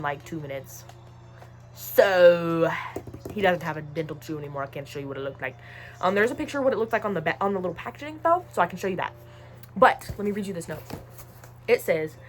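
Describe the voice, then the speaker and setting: Young woman vlogger, casual and animated, teasing lectures, phone mic, faint background noise. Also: on the low side. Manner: chatty, playfully scolding, jumps to loud emphatic bursts. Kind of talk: casual unboxing vlog.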